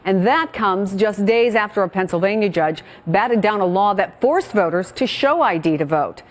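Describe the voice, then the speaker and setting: A woman news anchor reading scripted news copy in a brisk, clear way and introducing guests. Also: medium pitch, lively intonation.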